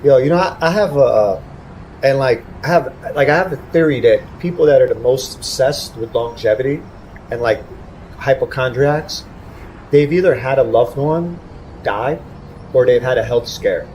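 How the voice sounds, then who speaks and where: A man co-hosts a podcast in casual chat, feeling his way into a question. He talks hesitantly and fills his pauses with many fillers. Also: medium pitch, darkish tone, slight background noise, poor audio.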